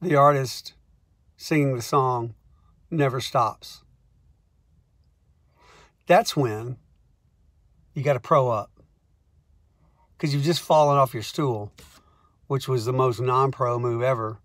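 A man who is a songwriter, telling comic stories in a wry, animated way and acting out the scenes. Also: mid-range voice, slow pace, long pauses, no room sound, studio quality. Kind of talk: comic storytelling monologue.

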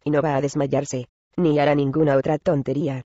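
A man reading the part of a sly, smooth-talking male traveller who coaxes a widow, in a storybook reading. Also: a little high, little pitch movement, brisk, warm tone, no room sound, lo-fi sound, natural voice. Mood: cautious. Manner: coaxing and mysterious.

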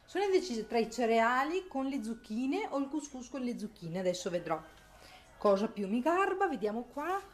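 A young mother with an Italian accent vlogs from her home kitchen, talking casually to viewers and cooing to her baby in a singsong voice. Her voice sits on the high side, sing-song, at normal speed.

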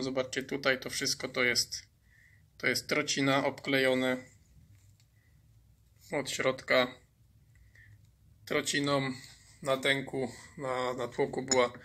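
A man's voice: medium pitch, sharp tone. A man restoring an old chainsaw on his workshop bench, explaining each fault as he goes, with many fillers and repeated words. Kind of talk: workshop repair commentary.

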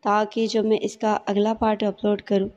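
A woman storyteller narrating a novel in a steady, even reading voice, and addressing her listeners as the channel host. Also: mid-range voice. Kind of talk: scripted audio novel narration. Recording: dull lo-fi audio with long reverb.

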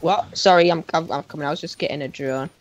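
A young man gaming at home, talking over voice chat in a hesitant, halting way. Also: fairly high pitch, steady tone. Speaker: gamer.

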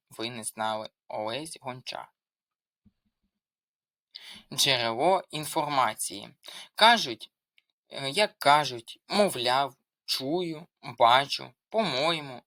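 A tutor walks through a grammar lesson in a bright, forceful voice, listing examples one after another in a steady, methodical way. The sound is dry and close, with no room echo. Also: medium pitch. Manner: methodical, reading out lists of examples. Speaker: language tutor. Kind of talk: explanatory lesson.

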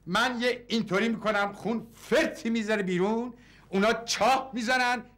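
A man's voice: very high voice, fairly bright tone. An actor playing a fussy, wry father in a sitcom, polite one moment and grumbling the next. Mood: explaining. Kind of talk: sitcom acting.

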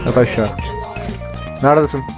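A young man and gaming YouTuber talking excitedly in casual banter while he plays, swearing and trash-talking his teammates. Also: mid-range voice, moderate pace. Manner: excitable, profane trash talk. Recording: game music in the mix.

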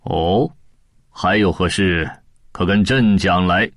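A man's voice: on the low side, animated, slow, no room sound, clean studio sound. A man voicing an imperious male king in an audiobook, commanding and threatening. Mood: mollified. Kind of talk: storybook audiobook voice acting.

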